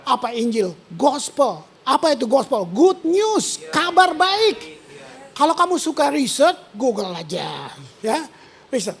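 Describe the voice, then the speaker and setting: A woman pastor, preaching a sermon in an animated, slangy way with English words mixed in. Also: on the high side, slight background noise.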